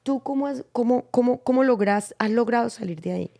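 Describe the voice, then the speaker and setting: Animated woman with a gravelly voice. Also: on the high side, a little fast. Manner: animated storytelling, acting out quoted dialogue. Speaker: podcast host. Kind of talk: faith-based conversation.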